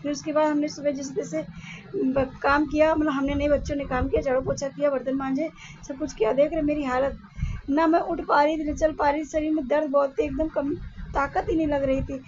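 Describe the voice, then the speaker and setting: Woman vlogger, Lucknow Hindi accent, unwell and tired, high voice, repetitive casual talk, muffled lo-fi phone sound. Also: level tone, brisk, darkish tone, a little hiss or hum. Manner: rambling, repeats herself, tired and weak. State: unwell, weak and in pain. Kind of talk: casual vlog talk to viewers.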